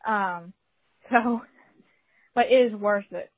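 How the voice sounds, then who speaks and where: A woman's voice: mid-range voice, slow pace, dry recording, poor audio. A young woman talks over the phone in a chatty, giggly way, tripping over fillers and restarts. Her voice sits mid-range and sounds dry and close, with no room around it. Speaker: caller sharing a testimony. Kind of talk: casual spoken testimony.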